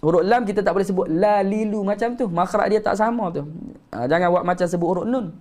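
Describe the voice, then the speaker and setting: A Malaysian Malay-accented man leads a live-streamed tajwid class, slowly demonstrating recitation and correcting with patience. His voice sits high with a slightly mellow quality.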